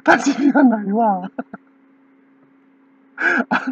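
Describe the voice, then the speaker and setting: A woman's voice: on the high side, drawn-out words, slightly rough. A woman with a Kansai accent talking in a rambling casual monologue, laughing often between phrases, on a dull lo-fi recording. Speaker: channel owner.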